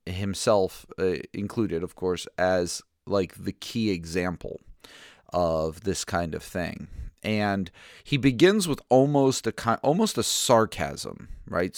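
A man with a lowish voice teaches through scripture in a relaxed, conversational style. He thinks out loud, circles back to restart his phrases, and keeps checking in with listeners. The sound is close and dry, with no room around it. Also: dry recording. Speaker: podcast host teaching through a Bible reading plan. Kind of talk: casual Bible teaching commentary.

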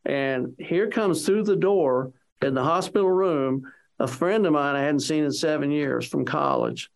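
A man's voice: fairly high pitch, a little slow, gravelly. A man being interviewed, telling a long personal story in a rambling way, full of "you know" fillers, and acting out what other people said. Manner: acts out quoted speech of others.

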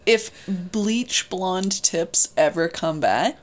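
A woman's voice: fairly low pitch, animated, extremely slow, slight background noise. A woman co-hosting a podcast in casual chat, teasing her partner and reacting with short remarks and laughs. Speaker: podcast co-host.

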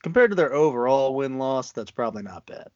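A man's voice: mid-range voice, animated, a little fast, muffled recording. A man co-hosting a podcast, chatting casually about football, laid-back and laughing easily, with frequent restarts. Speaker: podcast co-host. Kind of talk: casual sports chat.

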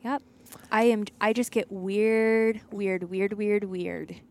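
A woman's voice: mid-range voice, steady tone, takes it slowly. A woman co-hosting a casual podcast chat, talking like a Valley girl with frequent use of "like.". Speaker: podcast co-host.

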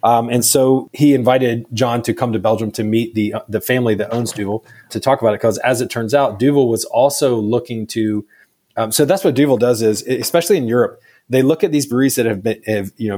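A man's voice: mid-range voice, a little fast, darkish tone. Chatty man with a mid-range voice. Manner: loose and chatty, full of "like" and "you know". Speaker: brewery staff guest. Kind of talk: casual interview answers.

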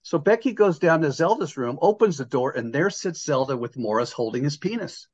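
A man's voice: on the high side, expressive, a little fast, darkish tone, dull audio. An older man hosting a casual sports podcast, jokey and rambling, with lots of restarts. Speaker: podcast host.

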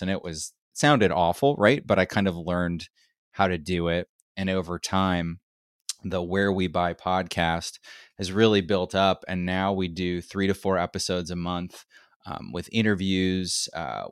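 A low-voiced man with a rough, gravelly whiskey tone, a bit hoarse from a lot of talking. He speaks conversationally as an interview guest, wandering through his points. The sound is close and dry. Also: no room sound. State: slightly hoarse from much talking. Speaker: podcast guest, retail research lead. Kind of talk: casual interview talk.

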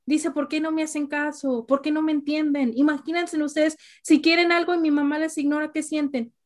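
A woman's voice: high voice, brisk. A young woman hosting a casual family chat, telling stories with animation and asking questions. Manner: animated storyteller, asks questions. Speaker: podcast host.

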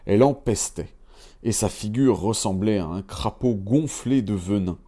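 A man reading a fairy tale aloud in a measured, even storytelling manner. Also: lowish voice.

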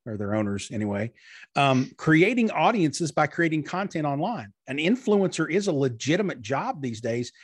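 Husky-voiced man explaining. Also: a little high, no echo, clean studio sound. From eastern Kentucky, USA. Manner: earnest, explanatory, with frequent fillers. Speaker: guest, marketing strategist. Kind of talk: conversational interview.

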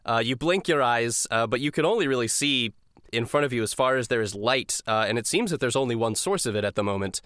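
Smooth-voiced man running a tabletop game. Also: mid-range voice, expressive, fast talker, fairly bright tone, no echo, studio quality. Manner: casual, chatty, laughs while narrating. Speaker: game master.

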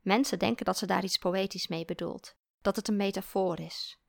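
Gravelly woman reading a story. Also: medium pitch, moderate pace, no echo, clean studio sound. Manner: calm, reflective reading. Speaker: narrator. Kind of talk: scripted story narration.

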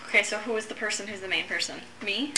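A woman's voice: mid-range voice, fast. A woman chatting casually as a player in a tabletop game. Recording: echoey, distant mic, very noisy.

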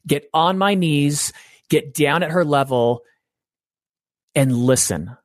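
A middle-aged man, a parenting guest in an interview, talking in an animated storytelling way and acting out the voices he quotes. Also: fairly high pitch, slow pace, no echo, studio quality. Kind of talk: conversational interview.

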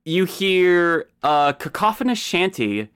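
A man improvising narration as a tabletop game master, halting and correcting himself as he describes the scene. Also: high voice, sing-song, fairly bright tone, clear, resonant tone.

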